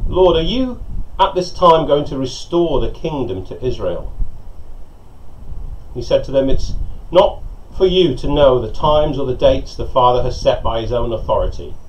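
A middle-aged man, a pastor, preaching a sermon and telling stories in an animated way, recorded on a lapel mic outside on a porch. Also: mid-range voice, slight background noise. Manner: storytelling, animated, gesturing with hands. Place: covered porch outdoors by a lake. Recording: slightly dull sound with faint outdoor ambience.

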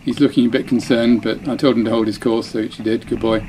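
Quick and level, with a medium pitch and darkish tone, the dinghy racer narrates his own race video over slight hiss or hum. His commentary is chatty and self-effacing, often interrupted mid-phrase.

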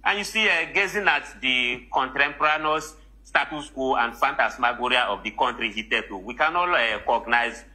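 A man plays a pompous, pedantic academic in a comedy street interview. His Nigerian-accented voice is extremely bright and forceful at a middling pitch, and he stacks up grand words with great self-importance. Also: moderate pace, low-quality recording. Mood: pompous, grandiose. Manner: pompous, verbose, piling up synonyms. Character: pedantic male academic showing off absurd highfalutin vocabulary.

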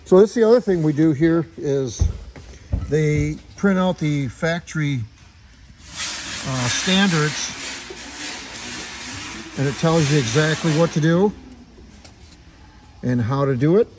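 A man's voice: a little high, takes it slowly, pauses often, background noise. A man giving a casual walkthrough of his auto body shop, chatty, with lots of fillers, filmed on a handheld phone. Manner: chatty, filler-heavy explaining. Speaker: shop owner giving a tour. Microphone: handheld phone camera.

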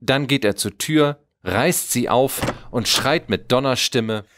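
A man narrating a German children's Christmas story in an expressive storybook manner. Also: medium pitch, slow pace, a little hiss or hum.

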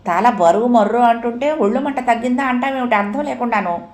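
A woman's voice: fairly high pitch, fairly quick, echoey room, pitched above the performer's own voice, close to an everyday voice. A woman voicing a fussy, complaining old patient. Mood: irritated. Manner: complaining, shouting. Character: fussy orthodox old male patient, easily upset.

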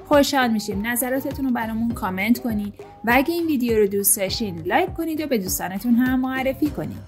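A woman reading a scripted science explainer in an even, read-aloud manner. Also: a little high, faint music behind. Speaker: channel narrator.

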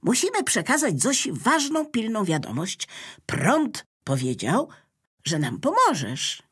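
A woman's voice: on the high side, unhurried, husky, pitched above the performer's own voice, exaggerated voice. A woman voicing an eager, proud little teddy bear in a children's storybook. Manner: excited and proud.

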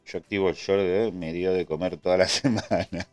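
Over soft background music, a man with an Argentine Spanish accent speaks a little fast in a low, steady, dark-toned voice. He hosts a casual live trading stream, chatting loosely, answering the chat and thanking subscribers.

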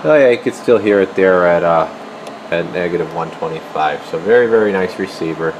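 A guy tinkers at the electronics bench of his indoor radio workshop, talking to himself fairly quickly in a kinda low voice. He's a repair technician hosting a casual hands-on demo, shot on a handheld camera behind the lens while equipment hums noisily behind him.

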